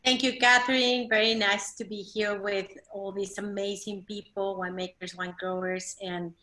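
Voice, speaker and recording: Woman from Mexico, winery owner, bright voice, halting phrasing. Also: mid-range voice, flat delivery, rough recording. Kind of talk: virtual panel talk.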